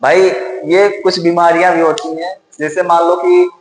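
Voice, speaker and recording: Long reverb and a roomy echo fill this recording of a man lecturing in classroom style. His voice is high and level, his pace moderate, and he goes over key points again while asking and answering his own questions.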